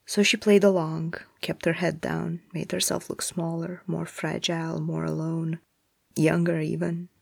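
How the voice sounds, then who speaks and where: A narrator reading a story aloud in a measured, even way. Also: medium pitch, creaky, no echo, studio quality.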